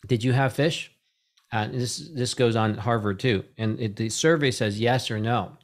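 Hosting a casual video call from his bookshelf-lined room at home, a middle-aged man speaks at medium pitch and normal speed into a desk microphone mounted on a boom arm. He wanders as he talks, restarting and looping back, dropping in "right?" to check in while working toward his point.

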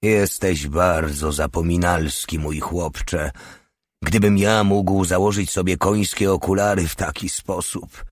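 A man's voice: low voice, fairly even intonation, slow pace, dry recording, studio quality. A man reading a stern, indignant older male sergeant who lectures reproachfully.

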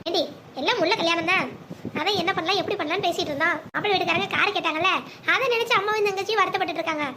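A woman voicing a caring young man, son and elder brother, in an animated family drama, speaking reassuringly. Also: very high voice, racing, slight background noise. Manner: reassuring, steady, protective.

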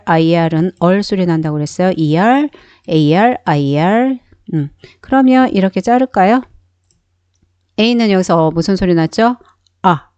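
A woman's voice: fairly low pitch, a little mellow, clean tone, no room sound. A woman teaching a beginner phonics lesson, explaining each sound step by step and repeating every word several times. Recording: dull, dry sound.

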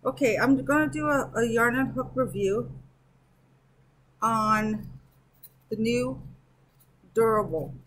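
A woman's voice: on the high side, slow pace, long pauses, fairly bright tone, breathy edge, low-quality recording. A woman hosting her own crochet channel, chatting casually through a yarn review and thinking aloud as she stitches and counts at home. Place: at home with an air conditioner running.

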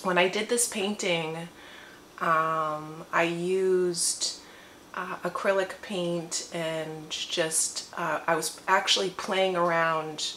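In her living room, a woman vlogs a long, rambling personal testimony to camera in her morning voice. Her voice is on the low side and a bit bright, with a steady tone and slow pace. The recording has a roomy echo, faint ambience, and slight background noise.

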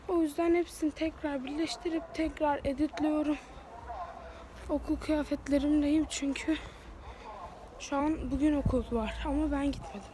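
A high-voiced young woman vlogs outdoors on a phone held at arm's length, her voice thick and stuffy from a cold. She rambles in a chatty, self-mocking way. Faint street sound sits behind her. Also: background noise. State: congested and sore-throated from a cold. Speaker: vlogger. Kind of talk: casual walking vlog.

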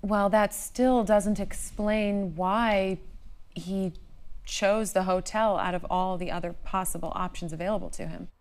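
A woman's voice: medium pitch, steady tone, measured pace, smooth, natural voice. An actress as a composed female TV interviewer. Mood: composed, probing. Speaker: interview host. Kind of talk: mock broadcast interview in horror film.

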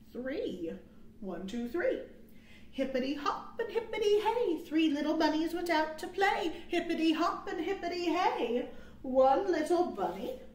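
An American woman in her thirties, a children's librarian, uses an extremely high pitch and sing-song, drawn-out delivery while reading stories and counting rhymes to little ones. The webcam audio from a small quiet room indoors sounds roomy and carries slight background noise.

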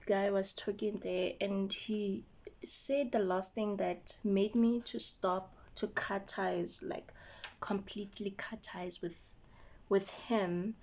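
A young adult woman vlogging at home while doing her makeup, retelling a story with quoted dialogue in an animated, indignant way. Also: mid-range voice, takes it slowly, muffled recording, a little hiss or hum. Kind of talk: get-ready-with-me storytelling.

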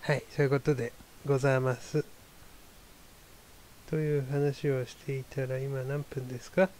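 A man's voice: medium pitch, level tone, normal speed, a little mellow, a little hiss or hum. A man hosting his own talk show, musing in a wry, rambling, self-deprecating casual monologue. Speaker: solo talk show host.

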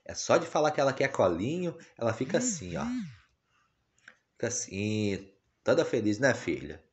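A man filming a casual family vlog, talking gently and dotingly to his baby daughter. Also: medium pitch, sing-song, normal speed, muffled recording.

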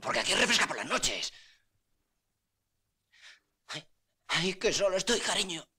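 Raspy, drunk-sounding, flustered husband. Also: male voice, sits high, big pitch swings, measured pace, sharp tone, exaggerated voice. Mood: plaintive excuses. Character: hungover, guilty husband with a drunkard's voice. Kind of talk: film comedy acting.

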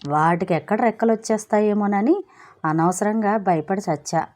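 Brief: dramatic, anxious young man, read by a woman in a storybook, mellow tone. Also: medium pitch, normal speed, close to an everyday voice. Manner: exclamatory, mixes English words.

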